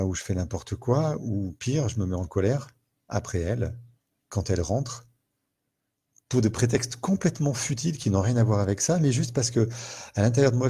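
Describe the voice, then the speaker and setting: A man's voice: fairly low pitch, warm tone, slightly rough. A man speaking as a therapist in a live talk, thinking aloud, repeating words and acting out everyday scenes to explain emotions.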